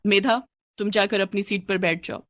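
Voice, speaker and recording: A woman's voice: mid-range voice, steady tone, normal speed, fairly bright tone, no room sound, studio quality, natural voice. A woman voicing a strict female schoolteacher who scolds her class sharply. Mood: stern.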